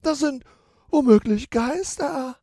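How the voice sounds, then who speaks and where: A man voicing a squeaky, fearful male ship's rat in a storybook, shrieking in panic. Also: expressive, slow pace, warm tone, no room sound, studio quality, exaggerated voice. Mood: panicked.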